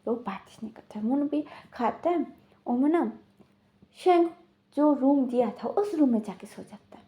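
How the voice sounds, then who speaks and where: High-voiced woman casually retelling a story. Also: animated, moderate pace, dark tone. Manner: rambling, heavy filler words. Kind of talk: casual spoken plot retelling.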